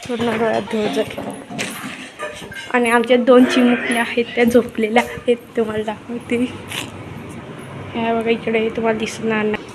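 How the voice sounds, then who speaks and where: Female family vlogger, casual chatty tour-guide delivery, a bit high-pitched, noisy outdoor ambience. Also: level tone, moderate pace, pauses often. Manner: chatty, showing things around to the camera. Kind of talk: casual vlog narration to viewers.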